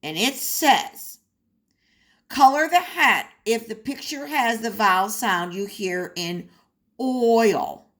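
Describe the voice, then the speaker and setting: This kindergarten teacher's voice sits on the higher side, lively and a touch bright, at an unhurried pace. Teaching phonics to little ones, she exaggerates each word as she sounds it out and repeats it, cheering the children on.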